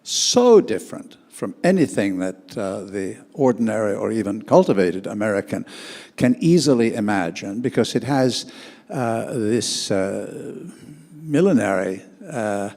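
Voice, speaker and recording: Man, low voice, halting speech full of fillers, long hall reverb. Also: expressive, gravelly, a little mellow. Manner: halting, constant filler sounds. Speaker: conference participant. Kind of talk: panel question. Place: conference hall.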